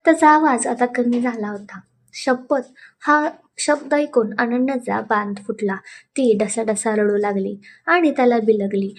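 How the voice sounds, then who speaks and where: A woman's voice: a little high, unhurried, a little hiss or hum. A woman narrating a romantic audio story in a dramatic, emotive way.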